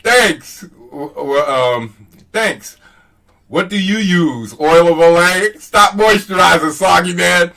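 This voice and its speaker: Bright-voiced man, slow-paced and mocking. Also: sits high, creaky, distant mic. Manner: mocking, profane, chuckling at his own jabs. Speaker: host. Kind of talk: casual rambling commentary, reading out online exchanges.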